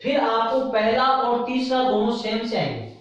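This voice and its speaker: A man's voice: extremely high pitch, big pitch swings, moderate pace, heavy reverb, recorded from a distance, rough recording. A man teaching an exam-prep grammar lesson, repeating terms and counting items aloud.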